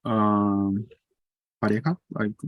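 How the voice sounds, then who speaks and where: A man's voice: fairly low pitch, flat delivery, slow, no room sound, muffled recording. A man whose first language is Spanish, answering in an English class, hesitant and searching for words. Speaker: student.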